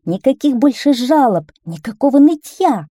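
A woman voicing a crowd of townsfolk and children who exclaim excitedly. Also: high-pitched, moderate pace, dry recording, studio quality, voice pushed up. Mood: cheering.

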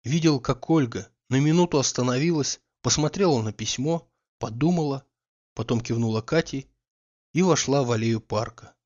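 Man, audiobook narrator, measured, calm, classic novel, dull lo-fi sound. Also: mid-range voice. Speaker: audiobook reader.

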